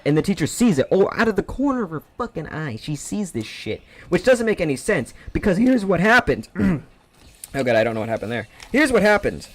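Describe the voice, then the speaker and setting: A man streaming games while telling a long, profane story in a sarcastic, rambling way. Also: medium pitch. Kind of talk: casual rant over gameplay.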